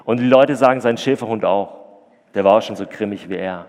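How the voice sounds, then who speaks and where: Earnest preacher in a reverberant church. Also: male voice, fairly low pitch, fairly quick. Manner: earnest, conversational, swings loud and soft. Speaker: pastor. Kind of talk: sermon with storytelling.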